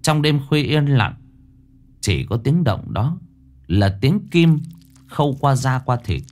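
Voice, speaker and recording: A man's voice: medium pitch, very animated, takes it slowly, darkish tone. A man narrating a scripted ghost story in a dramatic, suspenseful way. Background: faint background music.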